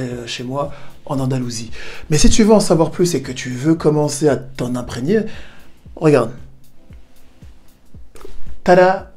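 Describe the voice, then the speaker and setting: A man with a medium-pitched, slightly mellow voice speaks directly to the camera in a self-help video filmed at his home in southern Spain. His coaching is casual and direct, sprinkled with playful asides.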